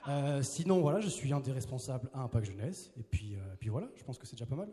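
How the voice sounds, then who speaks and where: A youth preacher in his twenties delivers a casual, joking sermon on a handheld mic, chatting playfully and quizzing the crowd in a large hall with a live audience. His mid-range voice is expressive, quick, and mellow, with roomy hall reverb on the recording.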